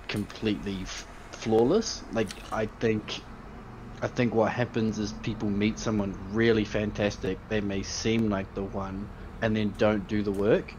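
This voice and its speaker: A man's voice: fairly low pitch, slight background noise, rough recording. A man on a podcast giving his thoughtful view in casual chat. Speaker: podcast co-host. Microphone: desktop mic on a voice call.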